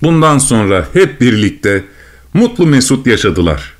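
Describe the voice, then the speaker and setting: A man's voice: medium pitch, big pitch swings, a little slow. Man narrating a fairy tale. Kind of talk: storybook reading.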